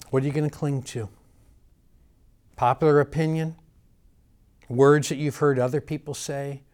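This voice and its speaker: A man's voice: medium pitch, a little mellow. Earnest male preacher building to emphasis. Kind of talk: sermon.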